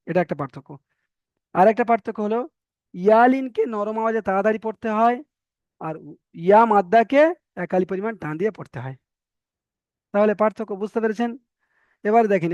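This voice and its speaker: A male Quran teacher in an online lesson, patiently explaining pronunciation and repeating each sound slowly. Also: high-pitched, darkish tone, dry recording, muffled recording.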